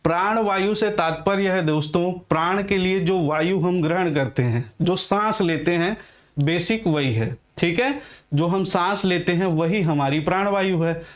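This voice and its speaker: Male teacher, young adult, high pitch, patient lecture delivery that drills each letter aloud. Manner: repeats questions and answers them himself, addresses viewers as friends; sounds out letters slowly for practice. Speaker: Hindi grammar teacher. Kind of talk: classroom lecture.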